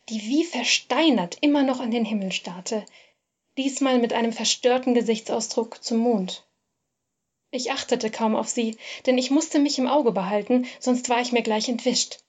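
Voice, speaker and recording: A woman narrating a first-person literary story in a measured, expressive reading. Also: a little high.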